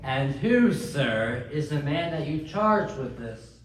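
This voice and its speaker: Pompous magistrate, high voice, scornful, echoey distant sound. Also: male voice, sing-song, slow pace. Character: haughty arrogant male noble magistrate. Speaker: actor. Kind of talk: radio drama acting. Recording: echoey, distant, faint noise.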